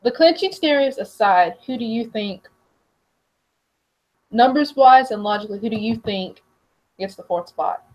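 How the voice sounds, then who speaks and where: A woman's voice: on the high side, animated, moderate pace, pauses often, a little mellow. A young woman co-hosting a podcast, chatting casually, laughing and often restarting her sentences. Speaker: podcast co-host. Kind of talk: casual chat. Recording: slightly dull lo-fi audio.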